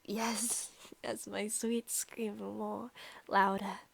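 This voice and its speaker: A female ASMR performer acts in full character voice as an obsessive, sadistic vampire, centuries old and posing as a student, murmuring very slowly in a soft, breathy, mid-range voice with vocal fry, little pitch movement and slips into whispers. Sadistic and savoring, she teases and menaces like a predator toying with a pet.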